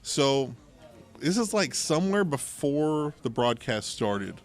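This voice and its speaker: Fairly high in pitch and swinging widely, this man's voice moves slowly over soft background music. As a podcast host, he chats casually and informally, telling personal anecdotes and acting out snippets of quoted dialogue.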